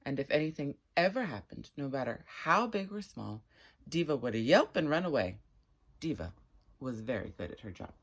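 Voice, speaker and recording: Her voice a husky, rumbling low, a woman reads a children's story aloud and talks with her viewers. The delivery is deliberate and expressive.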